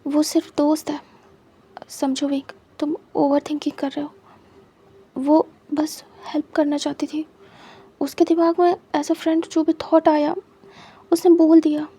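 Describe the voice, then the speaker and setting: A woman voicing a soft devoted husband. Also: high voice, little pitch movement, unhurried, long pauses. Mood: tender. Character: young man, devoted reassuring husband.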